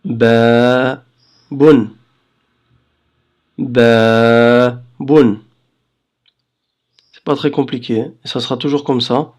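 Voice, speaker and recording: A man teaching Arabic letters in a slow voice-over lesson, patiently checking understanding and drawing out syllables. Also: medium pitch, steady tone, husky. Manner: drawls syllables slowly for demonstration. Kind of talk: slow screen-recorded lesson.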